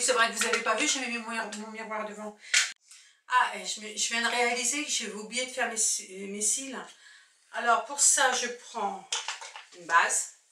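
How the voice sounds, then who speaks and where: Filmed by her husband at home, a makeup vlogger talks casually while showing each product, thinking out loud. Her voice is a little high, picked up from far off in an echoey room with a noisy background.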